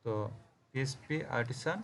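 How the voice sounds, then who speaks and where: A man's voice: mid-range voice, normal speed, background noise. A man from Bangladesh teaching a programming class on a call, explaining step by step and often checking that students follow. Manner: explains step by step, spells words letter by letter, checks understanding often. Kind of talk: live coding lesson on a call.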